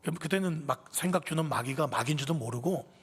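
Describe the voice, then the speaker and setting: A man's voice: a little high, quick pace, fairly bright tone, breathy edge. A pastor in his fifties giving a sermon with a personal testimony, telling it with emotion that swells to impassioned peaks, recorded in a church sanctuary. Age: 50s. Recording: reverberant church hall.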